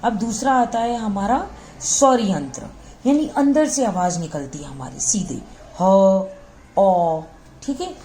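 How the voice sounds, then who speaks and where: A woman's voice: mid-range voice, darkish tone, slight background noise. A woman teaching a lesson, patiently explaining and sounding out each letter, checking in often with her listeners. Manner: models sounds slowly and aloud. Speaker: Hindi grammar teacher.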